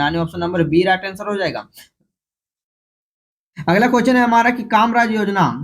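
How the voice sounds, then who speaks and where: Fast-talking high-voiced Hindi quiz teacher. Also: male voice. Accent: Jharkhand Hindi. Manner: repeats each question, then announces the option letter; hurried, with frequent restarts and self-corrections. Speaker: exam prep teacher. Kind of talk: quick-fire multiple-choice quiz review.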